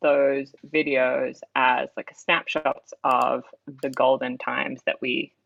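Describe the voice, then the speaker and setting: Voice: medium pitch, little pitch movement, takes it slowly, vocal fry, a bit bright. Australian host, casual, teasing, reminiscing; dull lo-fi audio. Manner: reminiscing, playful teasing, frequent restarts. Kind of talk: casual chat. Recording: dull lo-fi recording.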